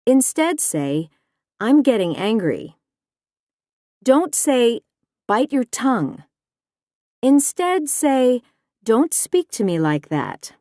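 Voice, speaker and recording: A woman reading nonfiction aloud in a measured, deliberate way. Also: fairly high pitch, big pitch swings, warm tone, dry recording, studio quality. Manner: measured, deliberate delivery of examples. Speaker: audiobook narrator.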